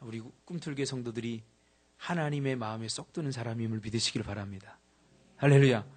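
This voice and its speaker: A middle-aged male pastor preaching an evening sermon, telling stories with animated, rising bursts of praise. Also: medium pitch, fast. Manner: animated, storytelling, shouts hallelujah. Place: church sanctuary.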